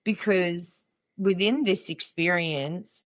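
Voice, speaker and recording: A young woman hosts a casual solo podcast, talking slowly in a lowish voice that sounds nasal from a cold. She comes across as candid, playful and chatty.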